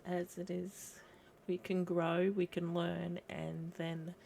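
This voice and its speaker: A woman hosting a casual livestream, rambling reflectively in short phrases with frequent pauses. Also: lowish voice, completely flat delivery, vocal fry, dark tone, a little hiss or hum. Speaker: host of a live video commenting on folklore.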